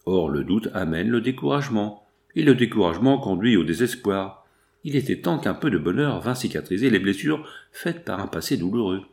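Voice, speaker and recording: A man narrating an audiobook of a nineteenth-century novel in a steady, formal reading. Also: fairly low pitch, normal speed, gravelly.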